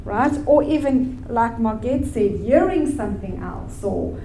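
Slow, mellow woman in an echoey room. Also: fairly high pitch, lively intonation, a little hiss or hum. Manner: measured, explanatory, reads verses aloud. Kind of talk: teaching with scripture reading.

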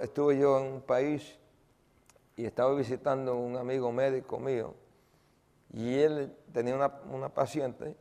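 A pastor preaching in a conversational way, his voice gravelly at the bottom of its range. He stops now and then to ask the congregation questions and fills his pauses. The sound carries a long reverb from the church hall. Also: medium pitch, mellow. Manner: conversational, asks the congregation questions, many fillers. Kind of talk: sermon with storytelling.

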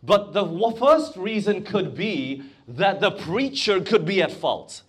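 A male preacher delivers a sermon at an unhurried pace and keeps stopping to question his listeners. His pitch sits a little high and swings widely as he presses each point. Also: husky. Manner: lively, emphatic preaching with questions to the congregation. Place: church or conference hall.

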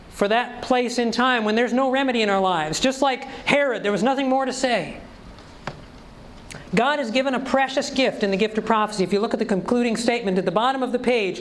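A man's voice: very high voice, fairly bright tone, poor audio. A man preaching a sermon, reading scripture aloud and pressing the congregation with rhetorical questions.

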